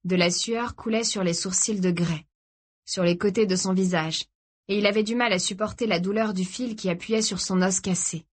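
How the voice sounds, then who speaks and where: A woman reading a novel aloud as an audiobook narrator, steady and even. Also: medium pitch, moderate pace, husky. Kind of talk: scripted narration.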